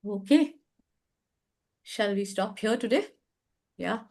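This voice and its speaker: Speaking slowly and expressively, the advice show host has a medium-pitched, darkish voice. She runs the chat on a video call, reflecting aloud, affirming the people she talks to, and often restarting what she's saying.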